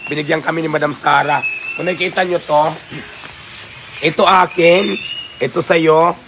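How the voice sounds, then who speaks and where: A man hosting a casual vlog tour of an outdoor animal park, talking with excitement and cooing baby talk at the animals. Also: fairly high pitch, normal speed. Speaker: vlogger host. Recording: loud outdoor noise with birds.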